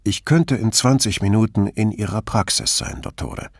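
A man voicing a calm, direct middle-aged police commissioner who speaks politely and matter-of-factly. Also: fairly low pitch, normal speed, dry recording, studio quality.

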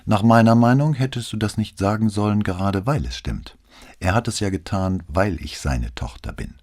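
A man voicing a sharp-tongued woman who argues back with pointed questions in an audiobook. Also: on the low side, animated, moderate pace, pitched above the performer's own voice. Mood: calm, firm. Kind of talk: audiobook reading.

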